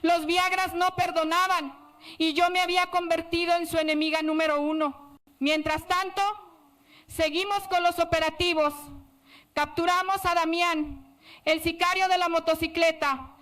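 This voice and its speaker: A woman telling a first-person story in steady, serious scripted narration. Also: extremely high pitch.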